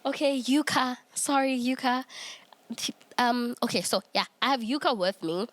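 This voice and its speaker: A woman's voice: fairly high pitch, a little slow. Chatty giggly woman hosting in her twenties. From South Africa. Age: 20s. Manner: chatty, giggly, many restarts. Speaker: podcast host. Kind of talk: casual chat.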